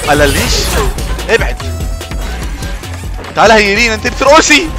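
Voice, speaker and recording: A young man with an Egyptian accent giving excitable live gameplay commentary as a gaming host, shouting at the screen. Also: high voice, a little fast. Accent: Egyptian Arabic. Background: game music.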